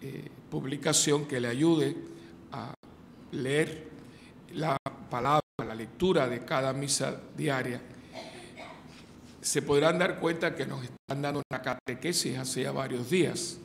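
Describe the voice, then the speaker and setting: A man's voice: mid-range voice, unhurried, creaky. An older man, a priest, reading the Gospel and then giving a loose, conversational sermon at a lectern mic in a large church. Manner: conversational preaching with frequent restarts and fillers. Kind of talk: sermon at daily Mass. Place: large church with painted mural, indoors. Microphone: stand mic at lectern. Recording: echoey church hall with faint noise.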